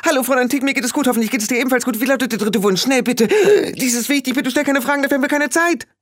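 A man's voice: sits high, expressive, moderate pace, pitched above the performer's own voice. A man doing a frantic, pleading young witch girl. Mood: urgent. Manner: breathless pleading rush of questions. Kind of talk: audiobook character voice.

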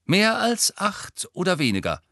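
A man voicing a pompous, study-obsessed teenage boy who boasts loudly and pushily. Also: on the low side, expressive, a little fast, no echo, studio quality. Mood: boastful. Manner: boastful, pushy, loud.

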